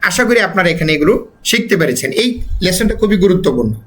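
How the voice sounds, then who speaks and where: A man with a Bangladeshi Bengali accent teaching an Arabic lesson step by step, slowly repeating each example word as he drills it. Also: high voice, sing-song, a bit bright.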